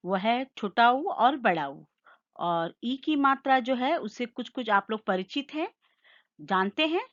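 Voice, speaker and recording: A woman teacher giving a Hindi lesson, slowly sounding out each word and explaining its meaning. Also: fairly high pitch, a bit bright, dull audio. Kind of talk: slow classroom lesson with call-and-repeat.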